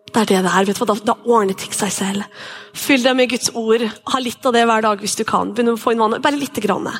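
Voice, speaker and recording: A woman's voice: fairly high pitch, breathy edge. A woman giving a conversational sermon and leading prayer in an earnest, encouraging way, speaking straight to her listeners. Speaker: preacher.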